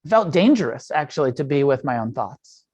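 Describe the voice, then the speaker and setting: A man's voice: medium pitch, big pitch swings, brisk, a little mellow, breathy edge. A middle-aged man teaching meditation in a loose, conversational dharma talk. He speaks frankly, swears freely and often stops to restart a sentence. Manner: frank and profane, with frequent fillers and self-restarts.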